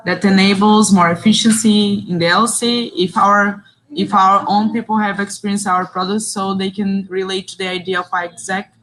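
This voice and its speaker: Leading an online workshop in English, a young woman from Brazil reads participants' chat replies aloud and praises them briefly, her Brazilian Portuguese accent audible. She has a medium-pitched, fairly bright voice. The audio is poor, with a little hiss or hum.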